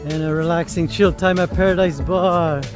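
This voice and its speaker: Brief: upbeat male travel vlogger, slightly high voice, outdoor beach walk, music bed underneath. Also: steady tone, moderate pace. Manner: upbeat, joking asides. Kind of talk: casual walking tour narration.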